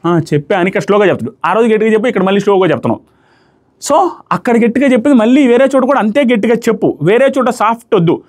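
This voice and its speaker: Fast-talking high-voiced male reviewer. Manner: rapid, analytical, mixes in English phrases. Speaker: reality show reviewer. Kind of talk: casual commentary to camera.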